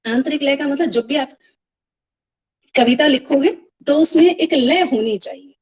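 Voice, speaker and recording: A woman's voice: sits high, a little slow, poor audio. A woman school teacher giving an online Hindi lesson, explaining patiently with repeated examples and English words mixed in. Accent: Indian Hindi.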